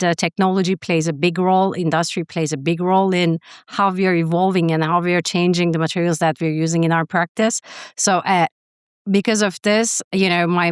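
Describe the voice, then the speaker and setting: A woman's voice: fairly low pitch, clear, resonant tone, dry recording, studio quality. A woman from Turkey, a guest on a podcast interview, answering hesitantly with many fillers and restarts. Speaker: guest, prosthodontist and university faculty member.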